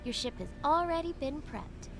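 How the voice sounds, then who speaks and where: A woman voicing a spirited, eager teenage girl apprentice in an animated series. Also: high-pitched, moderate pace, vocal fry, background noise.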